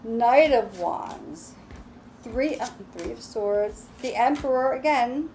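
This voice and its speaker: Woman tarot reader, fairly high voice, unhurried and soothing delivery. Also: a little hiss or hum, low-quality recording. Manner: slow, soothing, reassuring, with soft laughs. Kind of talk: relaxed solo tarot reading.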